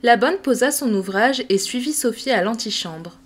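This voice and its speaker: A woman's voice: a little high, lively intonation. Woman reading a children's classic. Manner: measured, clear storytelling. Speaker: audiobook reader. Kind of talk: scripted narration.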